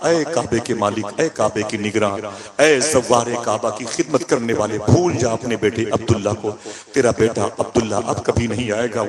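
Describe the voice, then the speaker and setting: Man preaching a dramatic sermon. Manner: dramatic, voices grief and quoted speech with rising pitch. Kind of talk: sermon storytelling.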